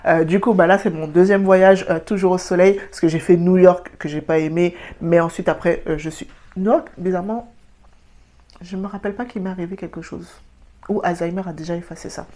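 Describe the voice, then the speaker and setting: A young woman from France with a French accent, telling travel stories in a chatty, casual storytime vlog and dropping in English words. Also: fairly low pitch. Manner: chatty, animated, slangy with English words mixed in. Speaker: travel vlogger.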